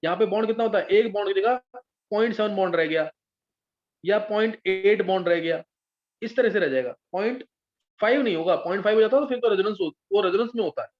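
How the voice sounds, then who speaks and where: High-voiced male chemistry teacher, lo-fi. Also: fast talker. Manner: patient, checks understanding often. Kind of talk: live online class teaching. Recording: dull lo-fi sound.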